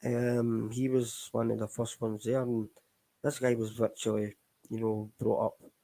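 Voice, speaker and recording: A man's voice: medium pitch, flat delivery, measured pace, warm tone, rough recording. A middle-aged Scottish man hosting a recovery chat, talking candidly and rambling, calling his listeners folks. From Scotland. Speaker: recovery podcast host. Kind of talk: casual live chat.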